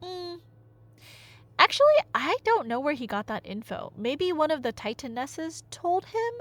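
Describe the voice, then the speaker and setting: A woman with a high, animated voice rambles in a nerdy way, with no room sound. She's an audio roleplay performer and storyteller giving a casual, comic myth retelling, slangy and full of asides where she interrupts herself.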